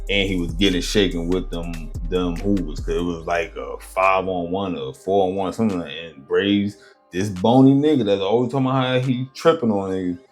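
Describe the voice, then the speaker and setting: Deep-voiced man giving slangy commentary. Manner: slangy, rambling, frequent check-in phrases. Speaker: video commentator. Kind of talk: casual commentary.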